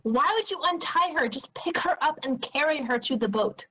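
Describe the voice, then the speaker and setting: Female player, higher-pitched, sarcastic and direct. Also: expressive, moderate pace, bright, forceful tone, rough recording. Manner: blunt, sarcastic. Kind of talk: casual chat at a tabletop game.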